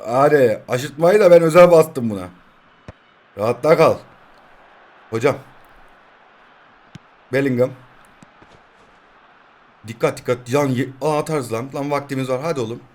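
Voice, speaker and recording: A man in his twenties commentating his own mobile football match, swinging between shouting at his players and quiet muttering. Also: mid-range voice, measured pace, pauses often. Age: 20s. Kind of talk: live gameplay commentary.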